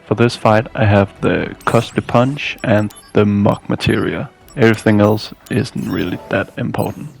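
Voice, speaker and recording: Over background music, a man with a low, gravelly voice walks through a video game casually, reading from a loose script and tossing in dry, weary asides. He keeps a moderate pace with hardly any pauses.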